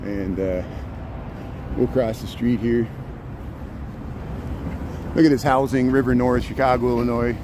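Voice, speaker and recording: A man's voice: mid-range voice, steady tone, unhurried, pauses often. A man from the American Midwest hosting a casual walking livestream, rambling and chatty and laughing often, recorded outdoors on a city street on a handheld phone. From Indiana, US Midwest. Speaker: livestream host. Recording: street traffic noise behind.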